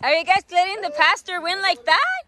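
High, lively young woman cheering outdoors. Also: moderate pace. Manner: cheers players on, laughs often. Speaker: vlogger filming a camp outing. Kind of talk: casual camera commentary, mixing Spanish and English. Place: outdoors at a forest camp, grassy field. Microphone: phone camera held by the speaker.

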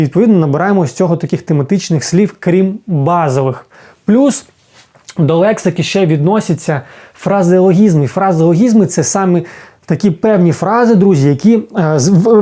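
A man's voice: high voice, dark tone. A man who is an English teacher, explaining a lesson in a casual spoken way, often checking in with the listener and restarting his sentences. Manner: fast-paced, frequent fillers and restarts, checks in with "так?".

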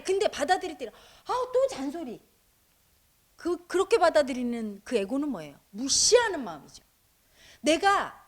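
Animated high-voiced woman meditation teacher. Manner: emphatic, asks the audience questions; acts out parents in quoted asides. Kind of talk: lecture to an audience.

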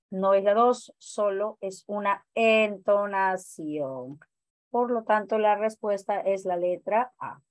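A woman teacher with a mid-range, slightly mellow voice leads an online training class in a dry recording. She explains exam answers and asks the group questions, sounding questioning and explanatory, with many fillers.

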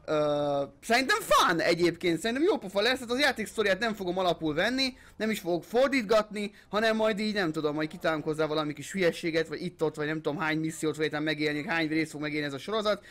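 A young man hosting a let's play, commenting excitably as he plays, swearing and mixing in English gamer phrases. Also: a little high, few pauses. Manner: excitable, swearing, hyped-up shouting. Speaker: gaming channel host.

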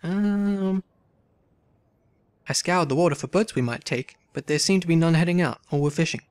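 A man hosting a let's play, reading the game's story text aloud and adding wry, relaxed asides. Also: fairly high pitch, normal speed, smooth, no echo.

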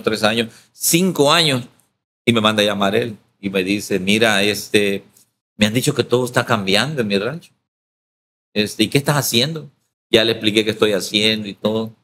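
A man's voice: fairly low pitch, moderate pace, pushed and bright, a little hiss or hum. A man from El Salvador, a pastor, telling his story in an interview and acting out the quoted dialogue.

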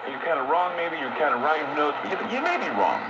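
A man talking on AM radio in a rambling, conversational monologue, halting and circling back on his phrases. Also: on the high side, sing-song. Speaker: radio talk host. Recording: very noisy, muffled AM radio.

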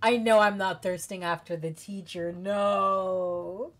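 A woman streamer reading a dating game aloud, calm when she narrates and gushing, joking and excitable when she reacts. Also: medium pitch, slow.

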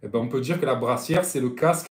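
Chatty Marseille sailing coach, roomy echo. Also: male voice, mid-range voice, fast talker, noisy background. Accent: Marseille French. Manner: chatty, rambling, repeats and restarts. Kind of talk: casual live-stream lesson. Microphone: live-stream phone or webcam.

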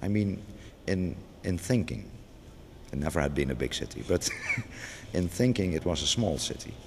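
With vocal fry in a voice that sits low, a middle-aged man, a museum curator, speaks at a moderate pace with lively intonation. His unscripted gallery interview is hesitant, with many restarts and fillers, captured in a large gallery with long reverb and faint background noise.

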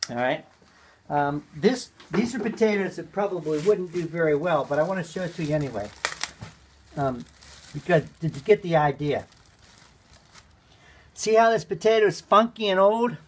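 A man with a slightly high-pitched voice gives a relaxed, hands-on gardening lesson. His delivery is chatty and folksy, loose and unscripted, and filled with ums and uhs. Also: normal speed, long pauses, slight background noise. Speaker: gardening teacher. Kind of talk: casual hands-on demonstration.

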